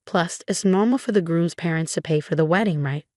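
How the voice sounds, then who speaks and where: A woman's voice: lowish voice, a little fast, a little mellow, dry recording, clean studio sound, natural voice. A woman voicing a rude, spoiled young bride who mocks her in-laws in a storybook narration. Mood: mocking. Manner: mocking.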